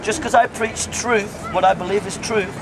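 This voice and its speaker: Assertive street preacher arguing outdoors. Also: male voice, high voice, fairly even intonation, normal speed, a crowd in the background. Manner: assertive, keeps cutting in, repeats phrases. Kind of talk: street debate. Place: outdoor city square. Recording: outdoor recording with street noise.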